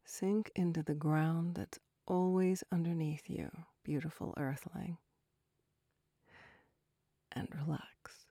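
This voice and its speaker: A woman softly narrating a guided relaxation like a sleep story, with gentle, breathy, unhurried instructions that drift toward a whisper. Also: low voice, fairly even intonation, dry recording, studio quality.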